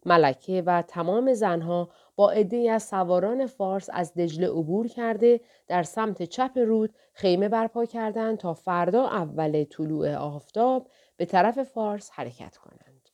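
A woman narrates an audiobook in a steady, measured way. Her voice is mellow and on the dark side, with an even, middle pitch. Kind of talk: audiobook narration of a historical novel.

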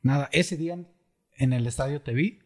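A man's voice: medium pitch, moderate pace. A middle-aged man with a Mexican Michoacán accent, hosting a show and telling a personal story in a casual, joking, colloquial way. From La Piedad, Michoacán, Mexico. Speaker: podcast host.

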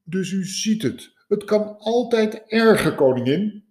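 A man's voice: sits high, animated, slow, a little mellow, voice pushed up. A plaintive, whiny scholar from a storybook, as a man puts him on. He moans about his misery in a raised, wavering voice. Each sentence sounds like a long sigh. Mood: self-pitying. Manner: whiny, self-pitying. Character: pitiful male scholar with a tragic past.

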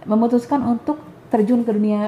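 A middle-aged woman, a kindergarten educator, telling stories lively and animated as a guest in a casual conversation. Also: a little high, brisk, muffled recording. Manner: lively storyteller, animated explaining. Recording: echoey room, faint ambient noise.

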